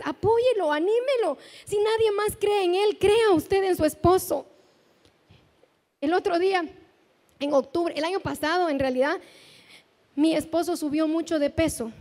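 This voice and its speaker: A middle-aged woman pastor with a Guatemalan accent, preaching a sermon and telling a lively story, asking the congregation direct questions. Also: extremely high pitch. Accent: Guatemalan Spanish. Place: large church hall. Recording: long church hall reverb.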